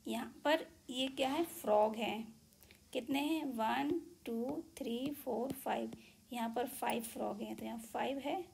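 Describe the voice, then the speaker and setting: A woman teacher talks young children through counting in a slow, patient way, naming each number aloud. Her slightly high voice has a gravelly edge. A faint noise sits under the recording. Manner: counts objects aloud one by one, mixing English number words into Hindi.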